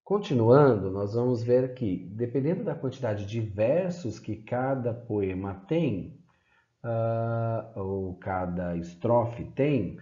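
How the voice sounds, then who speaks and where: A man's voice: mid-range voice, expressive, takes it slowly, mellow. A man teaching a recorded lesson over slides, explaining step by step with frequent "né" and "então". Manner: explanatory, repeats "né" and "então", reads poems aloud. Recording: dull lo-fi echoey room.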